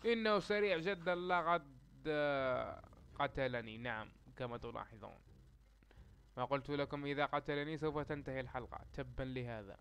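A young man giving let's-play commentary in formal Standard Arabic, excitable and yelling in panic when zombies attack, with joking asides to his viewers. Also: medium pitch, moderate pace, smooth. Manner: speaks formal Standard Arabic to reach all Arabs. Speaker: gaming YouTuber.

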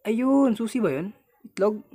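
A man's voice: high-pitched, animated, measured pace, mellow. A young man with a Filipino accent giving casual commentary while playing a horror game, chatting with viewers and yelping when startled.

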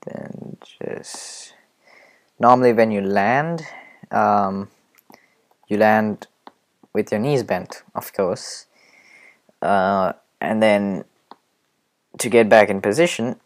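A man giving a casual screen-recorded animation tutorial, rambling and hesitant, often muttering quiet asides to himself. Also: on the low side, very slow, long pauses.

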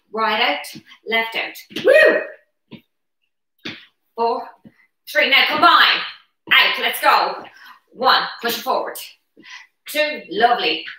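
A high-pitched, bright-sounding woman coaches a live fitness class of chair exercises, giving short, energetic, encouraging cues as she counts reps. A camera several metres away in her brick-walled living room captures roomy echo.

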